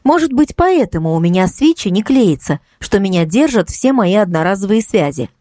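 A woman's voice: mid-range voice, sing-song, fairly quick, mellow, no echo, studio quality, voice pushed up, lightly acted. Chatty curious young woman, voiced by a woman.

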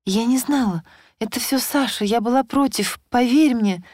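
A woman voicing a frightened, tearful young wife who speaks meekly and quietly. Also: medium pitch, lively intonation, a little slow, husky, no echo, clean studio sound, pitched above the performer's own voice. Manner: meek, pleading, quiet.

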